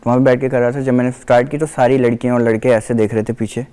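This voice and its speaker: A young man answers an interviewer's questions as a student guest on a studio talk show. His voice is mid-pitched and mellow. He replies briefly and somewhat hesitantly. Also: flat delivery, clean tone. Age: young adult.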